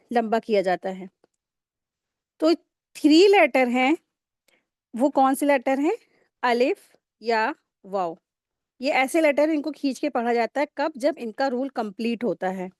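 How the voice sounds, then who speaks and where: A woman teaching a recitation lesson, patiently repeating rules and slowly drawing out syllables to demonstrate them. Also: high voice, lively intonation, a little mellow, dry recording, studio quality. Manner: slow drawn-out syllable-by-syllable demonstrations. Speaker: tajweed teacher.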